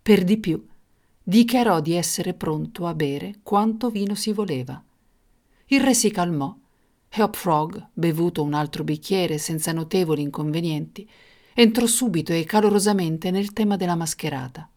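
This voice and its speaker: A woman narrating a story in a measured, expressive reading. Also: on the low side. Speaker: audiobook narrator. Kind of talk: scripted narration.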